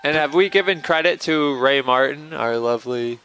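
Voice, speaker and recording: A man's voice: on the high side, moderate pace, a bit bright, clean tone. Conversational male soccer color commentator.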